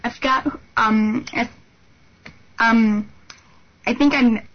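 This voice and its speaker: A woman's voice: on the high side, steady tone, slow pace. A woman answering interview questions on a call, hesitant, with many ums. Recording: dull lo-fi call audio.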